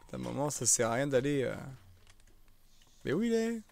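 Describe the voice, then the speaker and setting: A man's voice: mid-range voice, very animated, moderate pace, gravelly, a little mellow, slight background noise. A young man streaming a live survival game, chatting casually, joking and answering viewers in the chat. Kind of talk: live gameplay commentary.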